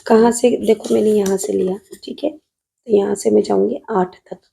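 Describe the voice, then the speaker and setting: Gravelly-voiced Rajasthani woman teacher, calm. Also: medium pitch, normal speed, slight background noise. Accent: Rajasthani Hindi. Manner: calm, patient, calls students "beta". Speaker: math teacher. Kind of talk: solving a model exam paper on video.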